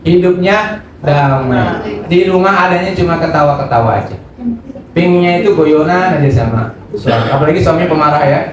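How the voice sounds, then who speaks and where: A man giving a religious study sermon, lively and acting out examples, often asking his audience questions. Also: fairly high pitch, normal speed. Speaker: Islamic preacher. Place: study gathering room. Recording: echoey room, distant mic, noisy.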